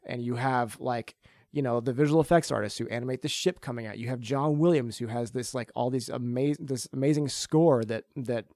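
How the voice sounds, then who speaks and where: A man chatting on a casual podcast, rambling through long, excited thoughts. His speech is packed with "like" and "you know". His voice is mid-pitched and dry, close to the mic with no room echo. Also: a little fast. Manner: rambling, enthusiastic, many fillers. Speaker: podcast host. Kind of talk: casual chat.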